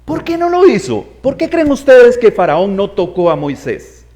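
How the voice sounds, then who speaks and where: A man's voice: high voice, wildly swooping pitch, normal speed, warm tone. A man preaching a sermon, asking his congregation questions and acting out voices in the story. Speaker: pastor.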